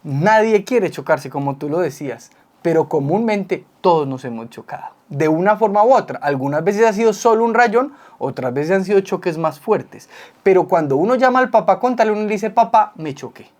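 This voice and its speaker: A man's voice: high voice, expressive, fairly quick, a little mellow. A man, a psychologist co-hosting with his wife, giving casual advice and acting out quotes as he explains. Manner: explains with vivid everyday examples and acted-out quotes. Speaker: psychologist and co-host. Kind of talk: casual advice talk with spouse.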